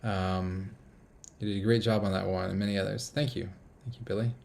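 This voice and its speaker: A man's voice: sits low, fairly even intonation, fairly quick, gravelly, darkish tone. A man from the United States hosting a casual live stream from a small apartment, rambling upbeat and reading viewer comments aloud.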